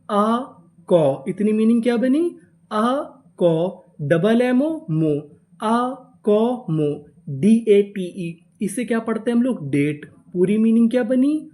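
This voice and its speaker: Mellow-voiced teacher drilling spellings. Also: mid-range voice. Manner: spells words out letter by letter, then drills them with repeated questions; slow and deliberate on sounded-out words. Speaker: English reading teacher. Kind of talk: classroom phonics lesson.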